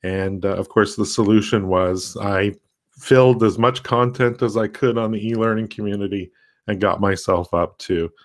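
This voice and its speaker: Low-voiced man rambling on a livestream. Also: steady tone. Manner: rambling, halting, many fillers and restarts. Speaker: host of a tutorial livestream. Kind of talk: casual livestream talk. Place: home desk with a laptop.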